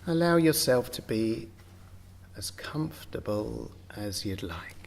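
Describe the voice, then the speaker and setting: A yoga nidra guide with a fairly low voice leads a relaxation practice, speaking very slowly and gently. He leaves generous gaps between short phrases as he gives unhurried meditation instructions, his pitch swinging widely.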